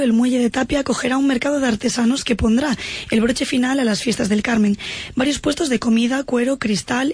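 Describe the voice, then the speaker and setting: A woman's voice: fairly high pitch, a little mellow, husky, no room sound. A woman with an accent from Spain reading a scripted news report as a radio reporter.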